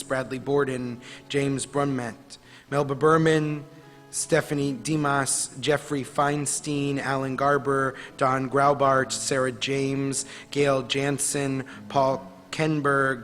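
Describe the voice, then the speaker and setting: Male clergy voice, level and measured, long chapel reverb. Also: medium pitch, little pitch movement, a bit bright, faint music behind. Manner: measured, reads a long list of names. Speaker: clergy leading worship. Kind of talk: liturgical prayer leading. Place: synagogue chapel.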